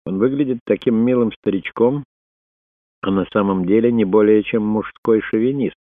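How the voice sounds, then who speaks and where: A man's voice: deep voice, a little fast, slightly rough, dry recording. A man voicing an outspoken, indignant young woman in an audiobook, talking in a wry, complaining way. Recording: dry, phone-like narrow sound.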